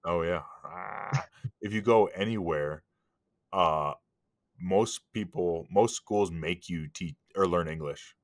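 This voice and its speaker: A man in his thirties co-hosting a podcast, laid-back and joking, with deadpan quips. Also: low-pitched, slow pace, no echo, studio quality. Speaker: podcast co-host. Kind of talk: casual chat.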